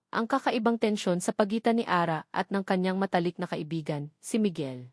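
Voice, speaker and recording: An audiobook narrator with a Filipino accent reads a dramatic scripted story. Her voice is mid-range with a darkish tone, recorded clean in a studio with no room sound.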